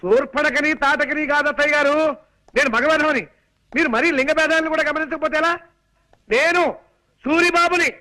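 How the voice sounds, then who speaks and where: A man's voice: extremely high pitch, fairly even intonation, fast talker, sharp tone, rough recording. A man playing a comic film hero, with theatrical, exasperated delivery. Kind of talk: film dialogue.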